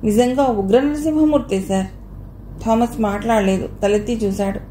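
A woman's voice: a little high, moderate pace, warm tone, reverberant, slight background noise. A woman reading a novel aloud as an audiobook narrator, with light changes of voice for each character's dialogue.

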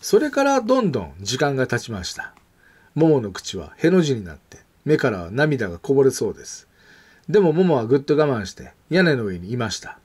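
A man reading a children's picture book aloud in a gentle, expressive way. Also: medium pitch, brisk, husky. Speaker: storyteller.

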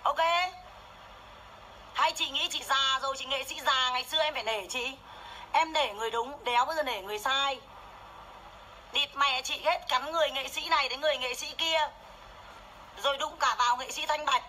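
During a makeup livestream filmed on her phone camera, a woman rants furiously, scolding and swearing nonstop. Her voice sits high with a sharp tone, at normal speed with frequent pauses, and the low-quality recording carries slight background noise.

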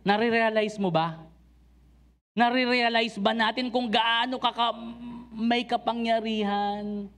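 A man preaching a sermon to a church congregation, mixing Tagalog and English. He calls out to the listeners with rhetorical questions and swings between loud urging and low, intense passages. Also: fairly even intonation, unhurried. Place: church service.

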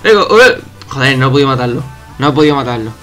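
Excitable young gamer, bright voice. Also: male voice, medium pitch, fast talker, faint music behind. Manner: excitable, swears and shouts at opponents. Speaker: gaming youtuber. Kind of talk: casual gameplay commentary. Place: at home.

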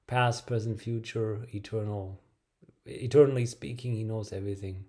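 A middle-aged man preaching to a webcam in a small bright room, his voice low and mellow. He pauses often, filling gaps with ums and restarting phrases as he goes. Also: fairly even intonation. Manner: hesitant, many filler words and restarts. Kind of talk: video sermon to camera.

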